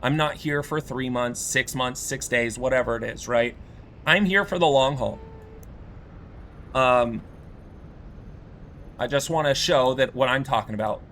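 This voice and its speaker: A man's voice: mid-range voice, a little slow, pauses often, fairly bright tone, a little hiss or hum. A man streaming a game, talking casually with an aggrieved tone and often checking in with "right?" and "you know?". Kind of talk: casual gaming stream talk.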